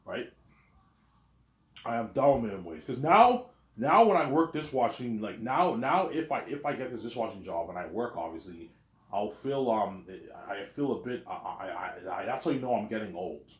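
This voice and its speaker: This vlogger, a man in his thirties from Quebec, speaks at a normal speed in a lowish, very animated voice, with noticeable reverb around him. He meanders casually, circles back to the same points, and voices both parties in conversations he imagines.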